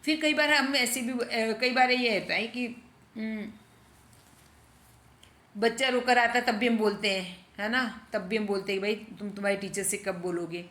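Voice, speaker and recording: A woman teaching spoken English. She says each example sentence slowly, explains it in Hindi, and keeps checking that her students follow. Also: fairly high pitch, fairly even intonation, fairly bright tone, reverberant. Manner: repeats phrases and asks rhetorical checks.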